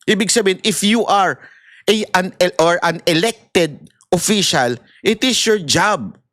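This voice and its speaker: A man's voice: high voice, a little slow, a bit bright, dry recording, studio quality. A man in impassioned political commentary, ranting and mocking, with laughs and acted-out voices. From Philippines.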